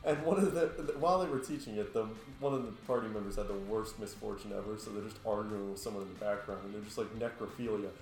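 A man's voice: fairly low pitch, fast, few pauses, a little mellow. A young man playing a party card game with friends, telling stories and laughing through his lines. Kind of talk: casual chat. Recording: echoey room with faint music.

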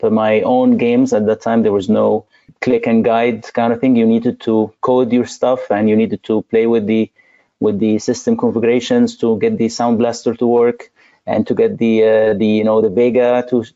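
A man from Egypt, a guest in an interview, speaking thoughtfully with frequent pauses and fillers. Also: mid-range voice, flat delivery, dark tone, muffled recording. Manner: thoughtful, pausing often with fillers. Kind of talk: interview conversation.

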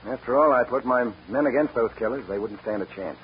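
A shifty ranch foreman drawls in a folksy, evasive way. His voice is very raspy, and the old radio broadcast sounds dull. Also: mid-range voice, fairly quick. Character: shifty, folksy man running a cattle ranch. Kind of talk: 1940s radio acting.

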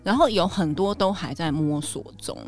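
Animated woman teacher telling stories. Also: lowish voice, moderate pace, soft background music. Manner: animated storytelling, laughs at own jokes. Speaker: guest, high school teacher. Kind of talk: casual podcast chat.

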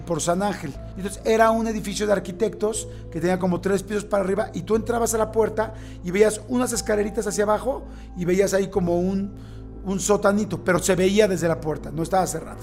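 A man with a Mexican accent, hosting a casual conversation, expressive and quick to exclaim. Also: high-pitched, soft background music.

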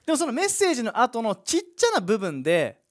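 A man preaching a sermon as pastor, pausing for an interpreter and acting out the voices in his stories. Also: extremely high pitch, wildly swooping pitch.

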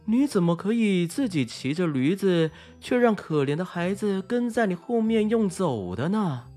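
A woman's voice: fairly low pitch, sing-song, normal speed, dark tone, faint music behind, pitched above the performer's own voice. Woman playing a reproachful musician. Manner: reproachful, exclaiming.

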